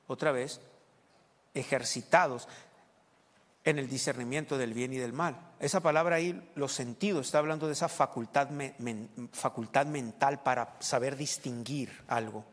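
A man preaching at a pulpit microphone in a church sanctuary, his voice sitting at an ordinary middle pitch. He teaches from scripture and keeps pointing the congregation back to the text. A long reverb hangs behind every word. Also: fairly even intonation, moderate pace. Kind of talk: sermon.

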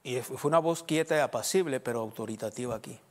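A man with a Sonoran Mexican accent, a pastor preaching a sermon with lively asides and jokes to his congregation. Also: mid-range voice, quick pace, in a large hall. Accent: Sonoran Mexican Spanish. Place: church.

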